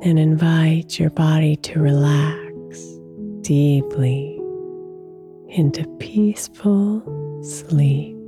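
A woman narrating a sleep meditation in a slow, soothing way, partly breathy and whispered. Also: low-pitched, fairly even intonation, over music.

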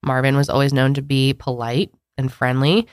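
With a cold making her nasal and scratchy-throated, a young podcast co-host chats and narrates a story in a casual way. Her voice is extremely low with little pitch movement, moderate in pace, and captured as clean studio audio with no room sound.

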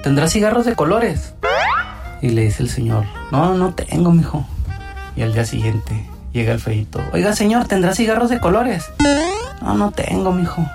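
A man telling a joke quickly and switching into voices for its characters. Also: high voice, sing-song, gravelly, music in the background. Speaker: joke sender.

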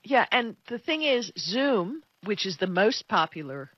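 A woman's voice: mid-range voice, big pitch swings, a little slow, slightly rough, dull audio. A woman co-hosting a tech talk show, chatting casually and giving her opinions in an emphatic, conversational way. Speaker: tech radio co-host.

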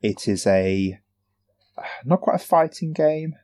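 A man's voice: on the high side, animated, slow, darkish tone. A man in his thirties, co-hosting a casual games podcast and explaining a game at length. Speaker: podcast co-host.

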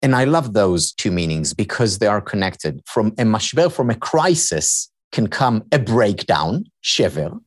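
Here a man with a lowish voice speaks in a sing-song, unhurried way, hardly pausing at all. As a podcast guest who researches and teaches happiness, this native Hebrew speaker lectures through his interview explanations, repeating himself to build each point.

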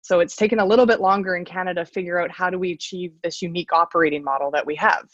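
A woman executive being interviewed from her home over a computer call, speaking in a measured, plain-spoken way. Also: lowish voice, steady tone, dry recording, dull audio. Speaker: transit agency CEO guest. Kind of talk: remote interview.

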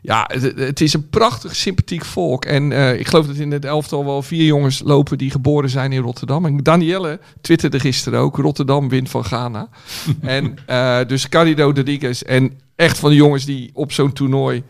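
A man's voice: medium pitch, steady tone, normal speed, gravelly, few pauses. A man chatting casually as a podcast panelist, telling stories at length with many hesitant filler sounds. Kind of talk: casual chat.

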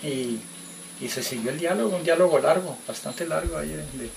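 A man with a Colombian Spanish accent recounting a night encounter in a halting, storytelling way. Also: a little high, gravelly, a little mellow, a little hiss or hum. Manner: hesitant storytelling, quoting dialogue. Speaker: witness caller. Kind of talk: recorded testimony. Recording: distant audio clip with music underneath.

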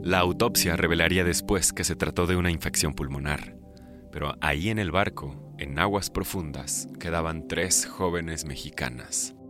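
A man delivering scripted documentary narration in a measured, calm way. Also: low-pitched, music in the background.

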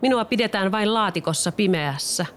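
A man's voice: sits high, lively intonation, fairly bright tone, a little hiss or hum, pitched above the performer's own voice. A man voicing a cheeky, lazy wooden puppet boy who whines and boasts. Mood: whining. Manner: whiny, boastful.

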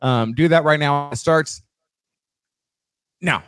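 A man's voice: on the high side, slow pace, fairly bright tone, clear, resonant tone, dry recording. A man hosting a podcast, reading sponsor spots and chatting casually, often swearing and joking. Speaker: podcast host. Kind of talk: casual chat and sponsor reads.

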